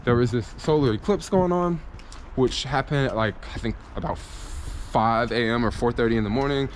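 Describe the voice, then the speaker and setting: A man's voice: mid-range voice, normal speed. Young man vlogging over street noise. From United States. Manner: easygoing, upbeat, thinking aloud. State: short on sleep. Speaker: travel vlogger. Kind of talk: casual travel vlog. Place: trains, stations and city streets. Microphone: camera-mounted mic, handheld wide-angle. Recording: noisy handheld camera audio outdoors. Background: station and street noise.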